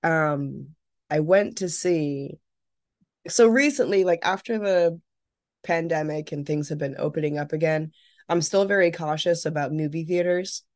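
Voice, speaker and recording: A young adult woman co-hosting a podcast, telling an animated, casual story with some swearing. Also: low voice, a little slow. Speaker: podcast co-host. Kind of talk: casual chat.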